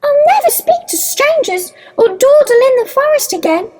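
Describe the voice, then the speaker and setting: A woman's voice: very high-pitched, wildly swooping pitch, slow, heavy background noise, pitched above the performer's own voice, exaggerated voice. A woman voicing an innocent, anxious little girl in a storybook tale. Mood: frightened, tearful.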